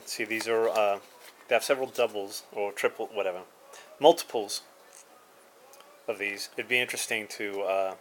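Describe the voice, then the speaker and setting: A man's voice: fairly low pitch, a bit bright, slight background noise, rough recording. A man casually reviewing a card game, reading card names aloud with dry asides and chuckles.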